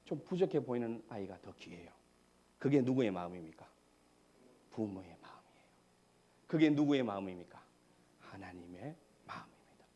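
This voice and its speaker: Korean pastor preaching with sweeping intensity. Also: male voice, fairly low pitch. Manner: dramatic preaching, rising to shouts and dropping to whispers; asks the congregation questions. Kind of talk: sermon.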